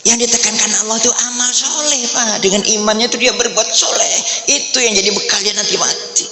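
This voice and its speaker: A man's voice: sits high, steady tone, a little fast, loud music behind the voice. A man with an East Javanese accent giving a humorous religious talk to an audience, chatty and joking, often addressing listeners as "Pak". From Indonesia. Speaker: Islamic preacher. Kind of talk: humorous Islamic study talk. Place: large echoey hall at an office. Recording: echoey hall with faint ambience.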